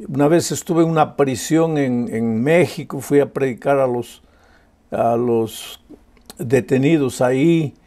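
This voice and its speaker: A man's voice: mid-range voice, unhurried, mellow. A male pastor preaching a sermon with passion, using rhetorical questions and repetition.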